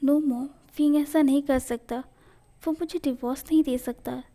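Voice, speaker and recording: A high, mellow voice gives an earnest young husband who pleads and apologizes, as a woman reads him in a fan fiction story. Read soft and plain, with no big change of voice. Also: fairly even intonation, unhurried. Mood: urgent. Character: young man, remorseful then desperate husband.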